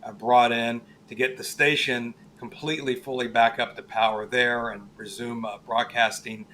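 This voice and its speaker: A man talks as a guest meteorologist in an interview. He explains things in a conversational, halting way, leaning on certain words for emphasis. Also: mid-range voice, level tone, bright, forceful tone, a little hiss or hum, poor audio. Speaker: guest, television chief meteorologist.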